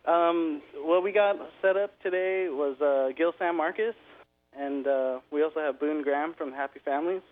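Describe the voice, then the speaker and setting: A man calling in by phone, chatting casually with many pauses and fillers. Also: fairly high pitch. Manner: relaxed, filler-heavy talk. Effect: heard over a phone line. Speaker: band member calling in. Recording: tinny phone line.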